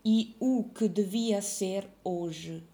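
Woman reading a dictation, soft dark tone, deliberate delivery, punctuation spoken aloud. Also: mid-range voice, creaky. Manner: measured, deliberate phrasing, says each phrase twice. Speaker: dictation teacher. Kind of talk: slow dictation, phrases read twice with punctuation called out.

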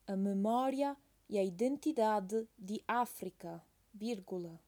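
A woman's voice: medium pitch, takes it slowly, a little mellow. A woman teacher reading a text aloud as a dictation, saying each phrase twice and calling out the punctuation.

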